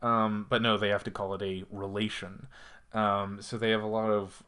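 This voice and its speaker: A man co-hosting a podcast, speaking in a somewhat low voice. He recounts scenes in a wry, dry way during a casual review chat. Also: little pitch movement, normal speed, bright, forceful tone, smooth. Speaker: podcast co-host.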